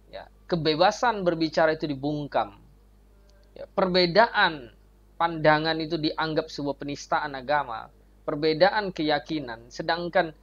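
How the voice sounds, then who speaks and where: On his channel, a man who is an evangelist earnestly reacts to a video, sprinkling in fillers like "ya" and "gitu loh." His voice is fairly high and a bit bright, captured with dull, lo-fi audio.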